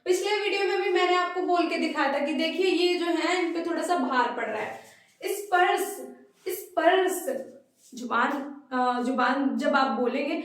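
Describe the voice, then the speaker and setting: A woman's voice: high-pitched, moderate pace. A woman teaching a grammar lesson for exam preparation, repeating and drilling each word pair patiently. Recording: very echoey room, voice from a distance.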